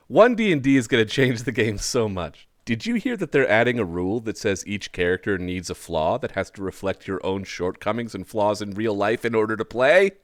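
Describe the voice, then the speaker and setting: A deep-voiced man hosting a casual trivia game over an online call, his tone rising and falling a lot as he reads prompts. He talks slowly in a laid-back drawl and laughs often. The sound is close and dry. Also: animated, dry recording. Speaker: game show host.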